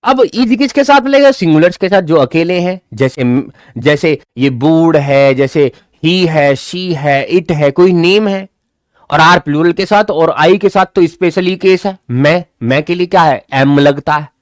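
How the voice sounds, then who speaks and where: A man teaching English grammar in a live online class, talking fast, then slowing right down to spell out English example sentences. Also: on the high side, dry recording, clean studio sound.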